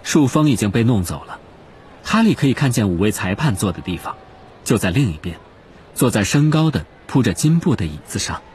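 A man reads a novel aloud as narrator. His voice sits low. He tells the story expressively, with a lively, varied pitch. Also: fairly quick, slight background noise. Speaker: audiobook narrator. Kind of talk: scripted narration.

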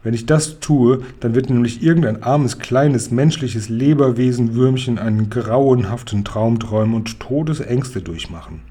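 A man reading aloud, voicing a big, kindly old male giant who gets excited and mixes up his words. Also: medium pitch, normal speed, few pauses, lightly acted. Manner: excited, garbled word choices.

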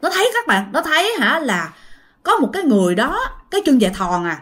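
Southern vietnamese woman telling ghost stories, chatty, high voice, swoops around a lot. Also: big pitch swings, quick pace, a bit bright. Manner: chatty, addresses listeners directly. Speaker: storyteller. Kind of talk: casual ghost story narration.

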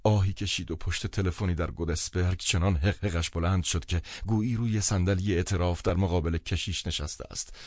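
A man narrating a novel in the first person, measured and expressive. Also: low voice, no echo, clean studio sound. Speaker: audiobook narrator.

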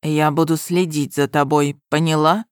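A woman voicing a stern, suspicious young male guard commander in an audiobook, speaking flatly and coldly. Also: low-pitched, moderate pace, clear, resonant tone, no room sound, studio quality, natural voice. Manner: flat, cold, commanding. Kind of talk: audiobook character reading.

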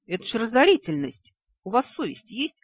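A woman's voice: a little high, sing-song, moderate pace, no room sound, highs cut off, pitched above the performer's own voice. A woman reading a story, voicing a chubby, greedy male creature who bickers indignantly over money. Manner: indignant, squabbling.

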